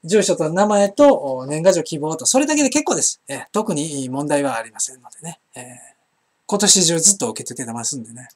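A man's voice: fairly high pitch, very animated, brisk, a little mellow. A middle-aged man with an Osaka Kansai accent, hosting a casual live-stream chat and rambling with many fillers as he reads viewer comments. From Osaka, Japan. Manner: chatty, rambling, frequent fillers and restarts. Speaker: internet broadcast host.

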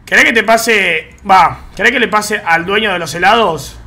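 Faint game music plays as a man with an Argentine Rioplatense Spanish accent talks loosely and slangily with his live chat during gameplay. He has a high-pitched, bright voice with a forceful tone and a normal speed.

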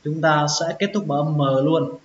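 Man teaching pronunciation, slow and echoey. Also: on the high side, steady tone. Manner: slow, drawn-out repetition of words. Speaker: English teacher. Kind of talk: pronunciation lesson. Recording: echoey, dull lo-fi with faint hiss.

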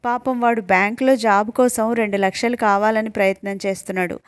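A woman's voice: medium pitch, steady tone, a little fast, clear, resonant tone, dry recording, clean studio sound, natural voice. A woman voicing an anxious young man asking questions about a friend, in a storybook reading.

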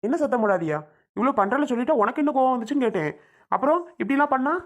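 A woman's voice: on the high side, lively intonation, rapid-fire. A woman playing a domineering village husband who scolds harshly, in a homemade comedy skit. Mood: angry.

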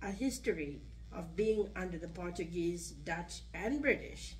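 A woman's voice: lowish voice, expressive. Older Sri woman reading her memoir. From Sri Lanka. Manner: measured, reads from a page. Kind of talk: reading a personal story aloud. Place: senior center room. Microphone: podium mic. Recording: distant room recording, faint hum.

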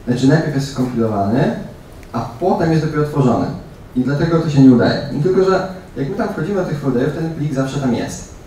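A man's voice: mid-range voice, mellow. A young man co-presenting a technical talk, explaining in a loose conversational way. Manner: conversational, asks tag questions. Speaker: conference speaker. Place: large dim lecture room. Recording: echoey hall, distant mic, faint noise.

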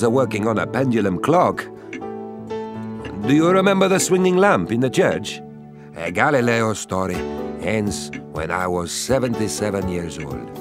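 A cheeky, boastful old astronomer. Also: male voice, on the low side. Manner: chatty and cheeky, with lively asides. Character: elderly male astronomer, playful and boastful. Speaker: first-person narrator. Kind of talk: scripted storytelling for children.

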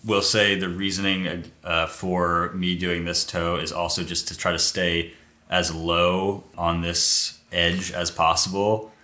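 A man co-hosting a casual climbing technique breakdown, his voice very deep yet bright and forward in tone. He explains each move step by step as he points things out on screen. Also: little pitch movement, slow pace.

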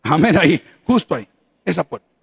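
A man's voice: a little high, big pitch swings, a little fast, vocal fry, breathy edge. A man with a Salvadoran accent preaching a sermon in a church, folksy and joking, acting out the voices of the people he quotes. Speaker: pastor. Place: church sanctuary.

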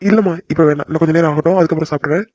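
A voice actor playing a gentle young son back home in a cartoon, reassuring his mother and sister. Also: mid-range voice, racing, no room sound, lo-fi sound, natural voice. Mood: warm. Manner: soothing, reassuring. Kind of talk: cartoon voice acting.

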